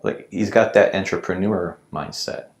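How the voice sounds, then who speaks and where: A man who works as a real estate agent, chatting casually on a podcast and telling animated anecdotes full of "like" and "um". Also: low-pitched, moderate pace, echoey room. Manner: animated anecdotes with filler likes and ums. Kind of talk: casual storytelling podcast chat.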